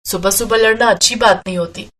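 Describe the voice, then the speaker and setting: A woman voicing a gentle young newlywed wife in a storybook, soft and reasonable. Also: mid-range voice, steady tone, a little fast, slight background noise, close to an everyday voice. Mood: soothing. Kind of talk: storybook character voice.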